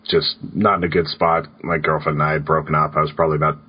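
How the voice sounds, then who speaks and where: Deep, husky man, podcast co-host, rambling storyteller, dull lo-fi audio. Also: level tone, fast. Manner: loose storytelling with many "like"s. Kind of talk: casual podcast chat.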